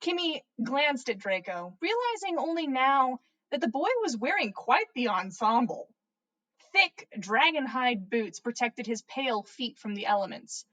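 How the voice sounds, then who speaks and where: Her voice sits high and sing-song, a little slow with a sharp tone, captured in a rough recording. She's a podcast host reading listener fan fiction on a livestream, theatrical and playful, tripping over words and cursing as she animates the story.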